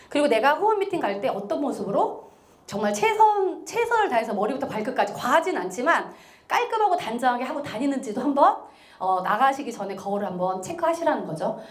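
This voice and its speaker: A high-pitched woman lectures a seminar with a very lively, swinging delivery. She acts out little quoted remarks as she goes and laughs often. Her voice rings around an echoey lecture room.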